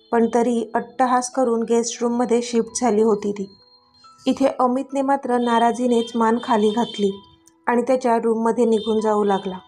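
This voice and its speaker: A woman narrating a romance story serial in an expressive, dramatic reading. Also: fairly high pitch. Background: faint music.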